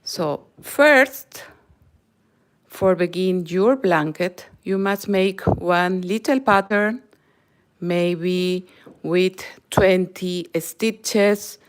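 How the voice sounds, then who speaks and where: Speaking extremely slowly, the Peruvian crochet host, middle-aged and a native Spanish speaker with a Spanish accent, walks viewers through a live tutorial in careful non-native English. Her fairly low voice is clear and resonant, often dropping to a near whisper.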